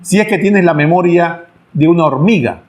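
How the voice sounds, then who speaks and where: A middle-aged man with a notably high voice gives a catechetical talk to pilgrims. He asks the audience rhetorical questions and slips into short acted dialogues. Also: normal speed, darkish tone. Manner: acts out family dialogues with pleading voices.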